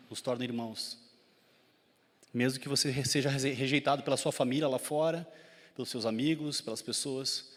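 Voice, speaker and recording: Preaching in a mid-range, slightly bright voice, a man delivers a sermon as pastor, growing more intense and asking the congregation questions. His accent is Gaúcho Brazilian Portuguese, from Rio Grande do Sul in southern Brazil. The church hall gives a long reverb.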